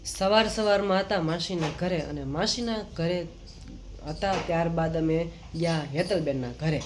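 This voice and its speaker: A man's voice: a little high, normal speed, background noise. A man with a Kathiawadi Gujarati accent, chatting casually through a family vlog, filming on a handheld phone. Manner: chatty, teasing a small child. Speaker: vlogger.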